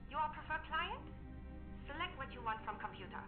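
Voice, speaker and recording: Polite robotic vendor: metallic tone, high-pitched, stilted, thin phone-like sound. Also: female voice, big pitch swings, fairly quick, over music. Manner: stiff broken-English greeting. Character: robotic female shop terminal, polite and stilted.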